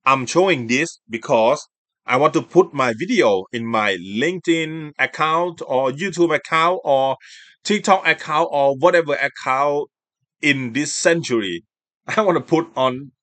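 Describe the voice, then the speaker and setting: A man chatting casually as a video host, giving his opinions in a halting, emphatic, repetitive way. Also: fairly high pitch, a bit bright, no echo. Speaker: host of a self-recorded video.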